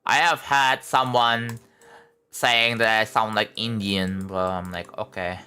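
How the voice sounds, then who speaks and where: Slow-paced and fairly even in intonation, this young man's fairly low, sharp-toned voice drifts over soft background music. He's livestreaming at home while building a game level, chatting in a rambling, relaxed way and saying "like" and "bro" a lot.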